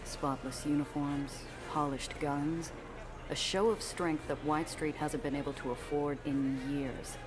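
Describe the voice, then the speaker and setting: An actor playing a cynical, world-weary noir detective who narrates his own case in a brooding, measured way for a video game. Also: fairly high pitch, lightly acted. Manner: hard-boiled, brooding, flatly measured.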